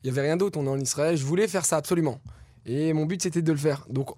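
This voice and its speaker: A man's voice: fairly high pitch, mellow, no room sound, studio quality. A young French man, a stand-up comedian, chatting in an interview and telling jokey stories with frequent laughter. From France. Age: young adult. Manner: jokey, laughs often, quick storytelling. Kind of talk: casual interview chat.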